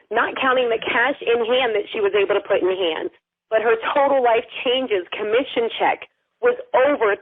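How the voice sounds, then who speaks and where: Effusive woman hosting over a phone line. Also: fairly high pitch. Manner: effusive, addresses listeners directly, long run-on sentences. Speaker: host of a conference call. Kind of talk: promotional conference call hosting. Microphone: telephone.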